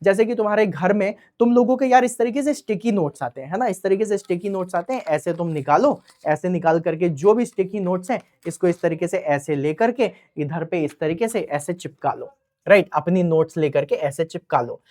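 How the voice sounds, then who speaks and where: A man's voice: high-pitched, brisk, a little mellow. Chatty male online tutor. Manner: chatty, keeps checking in with listeners. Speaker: online exam-prep teacher. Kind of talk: live online class and course pitch.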